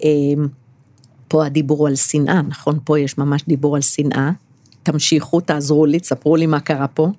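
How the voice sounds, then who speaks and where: Low, mellow-voiced woman reading to children. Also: flat delivery, dry recording. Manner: patient, asks listeners questions. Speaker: storyteller leading a children's discussion. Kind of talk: reading a children's book aloud and discussing it.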